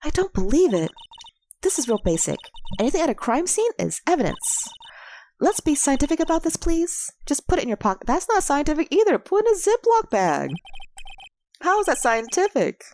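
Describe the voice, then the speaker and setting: A woman voicing an eager, bubbly teenage girl with a high, jumpy voice. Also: very animated, brisk, darkish tone.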